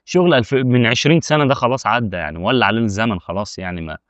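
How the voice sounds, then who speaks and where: Rapid-fire Egyptian man, dull dry sound. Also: medium pitch, a bit bright, no echo. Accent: Egyptian Arabic. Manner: rapid, chatty, argues with imagined viewer objections. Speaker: YouTube tutorial host. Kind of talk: casual direct-to-camera explainer.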